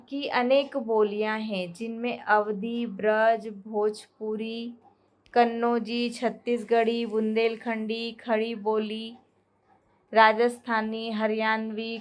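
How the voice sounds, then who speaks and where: A woman teacher with a Hindi accent, slowly reading out question-and-answer notes for a school grammar lesson. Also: on the high side. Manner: slow, deliberate dictation pace.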